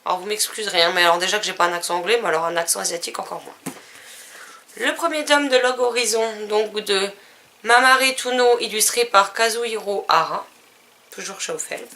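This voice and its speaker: A woman's voice: mid-range voice, fairly quick, bright, forceful tone, a little hiss or hum. A woman vlogger casually listing books and publishers, with fillers and self-corrections. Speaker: book vlogger. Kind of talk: casual book haul vlog.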